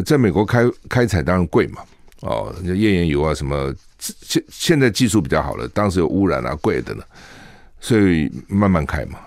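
A man's voice: sits low, a little mellow, no echo. A male radio talk show host, giving chatty, emphatic solo commentary from a studio mic, full of rhetorical questions. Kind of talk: solo commentary on current affairs.

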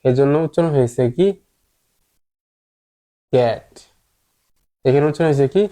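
A man teaches English pronunciation in a racing, warm, medium-pitched voice. His lesson is patient and explanatory, and he repeats each point several times.

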